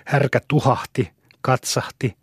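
A man narrates a classic novel as an audiobook, calm and steady. His voice sits at an ordinary middle pitch. The sound is close-miked and dry, with no room around it. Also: creaky, husky, dry recording. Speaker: audiobook reader.

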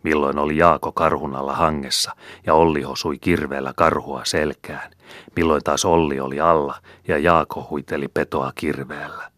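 A man reading folk tales aloud as an audiobook narrator, measured and steady. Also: a bass voice, no room sound, studio quality. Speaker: audiobook reader.

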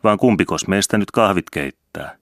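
A man's voice: deep voice, creaky, fairly bright tone, no echo, studio quality, voice pushed up. A man voicing a sly, teasing old widower, the brother in a story reading, speaking in a playful chuckling way.

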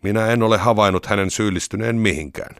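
A man voicing a stern Roman governor in a scripture reading, measured and questioning. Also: on the low side, gravelly, smooth, no echo, clean studio sound.

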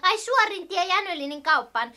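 A woman voicing a small, excitable myyreli creature in a children's radio play, asking quick, chirpy questions. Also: very high voice, heavily acted. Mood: eager. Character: small eager female myyreli creature, sniffer.

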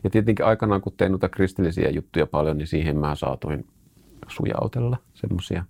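A comic strip artist answering an interviewer's questions, a man with a very low, gravelly voice. He muses and restarts as he talks. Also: darkish tone. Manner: hesitant, restarting and musing.

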